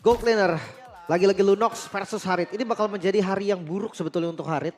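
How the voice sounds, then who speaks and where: A man's voice: high-pitched, steady tone, fast, darkish tone. A man with an Indonesian accent giving conversational colour commentary as an esports co-caster. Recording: music behind the voice. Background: music.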